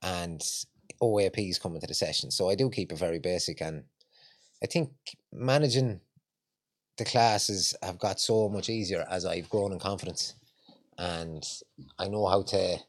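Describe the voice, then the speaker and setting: A man's voice: low voice, moderate pace. A man from Longford in Ireland with an Irish accent that has some Dublin in it, chatting casually in colloquial Irish phrases as a yoga instructor being interviewed. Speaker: yoga instructor, podcast guest. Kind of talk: casual chat.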